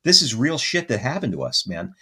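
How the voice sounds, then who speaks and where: A man who is a guest paranormal investigator, telling a story on a podcast in an animated, rambling way and correcting himself as he goes. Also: medium pitch, fairly quick, over a noisy crowd.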